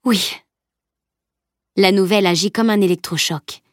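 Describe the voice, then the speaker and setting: A woman narrating an audiobook in a steady, measured reading. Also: lowish voice, no echo, studio quality. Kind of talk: scripted narration.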